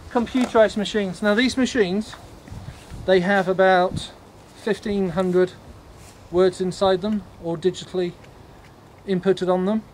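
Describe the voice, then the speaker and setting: A man leading a ghost tour, explaining things informally to a group in a halting, matter-of-fact way. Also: sits high, steady tone. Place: on a night walking tour, in the dark. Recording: noisy outdoor night recording.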